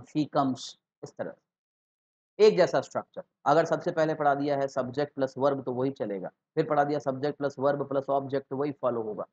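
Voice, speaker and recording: A man's voice: mid-range voice, darkish tone. Man teaching, asking the class questions. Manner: explanatory, repeats key terms, asks the class questions. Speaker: English teacher for exam prep. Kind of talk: online exam-prep lecture mixing Hindi and English terms. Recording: slightly dull lo-fi recording.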